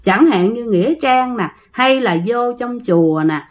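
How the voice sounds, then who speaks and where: A woman's voice: on the high side, animated, measured pace. A woman with a Southern Vietnamese accent retelling a ghost story, talking straight to her listeners and repeating words to build suspense.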